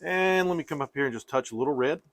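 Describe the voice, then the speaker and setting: A man teaching painting step by step in a casual, gentle and reassuring way, like an easygoing instructor. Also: on the high side, animated, fast talker, no room sound.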